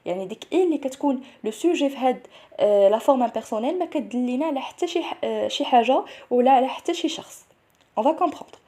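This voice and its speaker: Fast-talking Moroccan woman teaching grammar. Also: high-pitched, animated, warm tone. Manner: switches between French and Moroccan Arabic, checks in with "c'est bon?"; explains step by step, restating each point. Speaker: teacher preparing students for nursing school entrance exams. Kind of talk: exam-prep grammar lesson.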